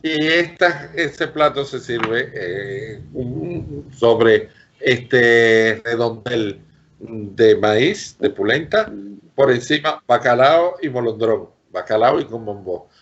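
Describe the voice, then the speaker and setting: Dull-sounding recording of a low-voiced man. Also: slow, fairly bright tone. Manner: didactic, listing terms and examples. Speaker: professor, interview guest. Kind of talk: explanatory interview talk.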